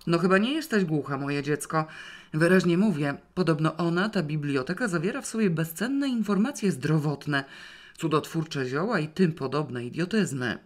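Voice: medium pitch, lively intonation, moderate pace, lightly acted. A stern elderly grandmother, sarcastic and bossy, as a reader puts her on. She speaks curtly, with open scorn, in an audiobook reading. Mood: scornful. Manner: curt, scornful, commanding.

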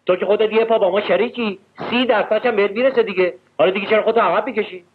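A man's voice: high-pitched, steady tone, breathy edge. An actor playing a pushy, quarrelsome man who scolds and presses the bank manager. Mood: scolding. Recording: tinny old film soundtrack with music.

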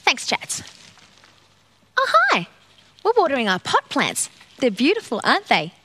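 A woman presenting a children's TV show, bubbly and sing-song, talking slowly to young children. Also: sits high, wildly swooping pitch, bright, forceful tone, breathy edge.

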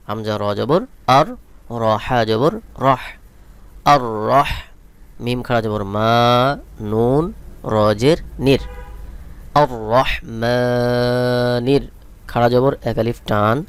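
A man teaching Quran reading, spelling out letters and vowel marks one at a time and then drawing out each chanted word. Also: mid-range voice. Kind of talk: slow spelling-out lesson with translation.

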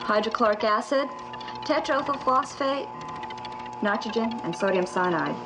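An actress playing a precise, attentive science crew member in a 1970s TV adventure drama, measured and deliberate. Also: female voice, on the high side, expressive, rough recording. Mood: focused. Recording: loud music under dated TV soundtrack.

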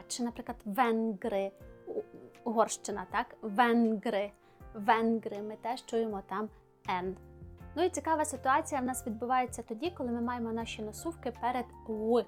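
A woman teaching Polish pronunciation, explaining patiently and clearly, demonstrating sounds slowly and repeating them. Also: a little high.

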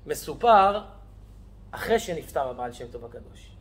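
A male rabbi telling stories in a lesson, lively, acting out the characters' voices. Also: on the high side. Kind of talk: storytelling lesson.

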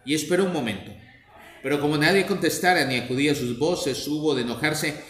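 A man reading a classic tale aloud as narrator, in measured storytelling. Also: fairly high pitch, a bit bright. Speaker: reader. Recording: echoey room with faint noise.

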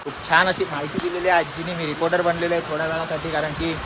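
A man vlogging outdoors in a village in the rain, talking chattily and excitedly to his viewers and calling out to family members. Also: fairly high pitch, fast. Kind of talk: casual vlog narration to viewers. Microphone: handheld phone. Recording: loud rain noise outdoors.

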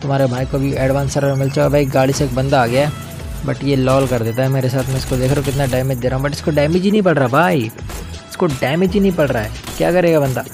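A man's voice: mid-range voice, fairly even intonation, quick pace, over music. A young man giving casual, slangy commentary over his own gameplay as a gaming channel host, chatting to viewers like friends. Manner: chatty, slangy, keeps calling viewers brother.

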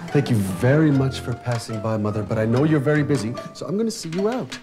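A man's voice: mid-range voice, expressive, fast, over music, close to an everyday voice. An actor playing an awkward young man, flustered and given to dry comebacks, in film dialogue.

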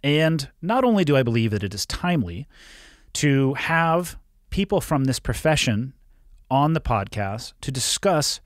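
A man in his thirties hosts a casual podcast from a small curtained studio, talking into a boom mic. His voice moves through a wide, animated pitch range, and the sound is close and dry with no room echo. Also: a little slow. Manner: swears casually, lively delivery. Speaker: podcast host. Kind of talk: casual interview chat. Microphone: studio mic on boom arm, headphones.

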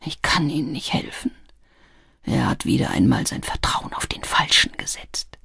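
A woman voicing a frightened man of about sixty in a whispered role-play, hushed and urgent. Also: rumbling low, sing-song, normal speed, vocal fry, breathy edge, dry recording, voice pushed down, full character voice. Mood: fearful.

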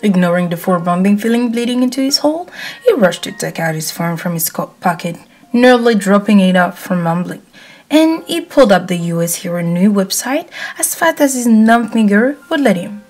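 A woman reading fanfiction aloud as storybook narration, at a calm, steady pace. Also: mid-range voice, moderate pace, soft background music. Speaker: fanfiction reader.

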